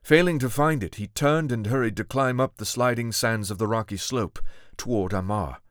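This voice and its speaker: A man reading a first-person adventure story aloud in a steady, dramatic manner. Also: mid-range voice, moderate pace, dry recording, clean studio sound. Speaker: audiobook narrator. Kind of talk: scripted first-person narration.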